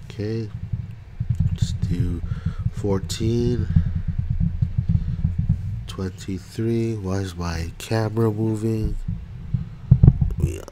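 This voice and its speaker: Congested from a cold, a man scratches lottery tickets and slowly calls out the numbers one by one in casual commentary. His voice is lowish and steady, with heavy background noise.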